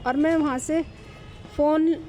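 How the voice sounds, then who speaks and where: A woman's voice: high voice, steady tone, a little slow, dark tone, faint music behind. A woman in her thirties, a devotee, telling a personal story in a chatty, hesitant way with many fillers. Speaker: devotee sharing a testimony. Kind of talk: casual spoken testimony. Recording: faint background noise.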